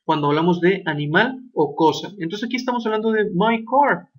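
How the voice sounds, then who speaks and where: A man explaining English grammar slowly and deliberately, asking his students questions as he goes. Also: high-pitched, lively intonation. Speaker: English teacher. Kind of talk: grammar lesson narration. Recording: dull lo-fi recording.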